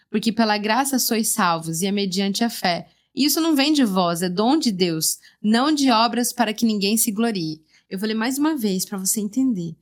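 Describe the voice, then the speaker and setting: A woman hosting a podcast, giving an earnest devotional teaching and repeating her phrases for emphasis. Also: mid-range voice. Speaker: podcast host.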